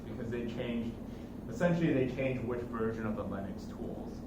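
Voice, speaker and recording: Here a course instructor covers technical topics in a casual way, circling back to restate and rephrase his points. He has a mid-range voice with lively intonation and a moderate pace. He sits far from the microphone in a noisy room full of echo.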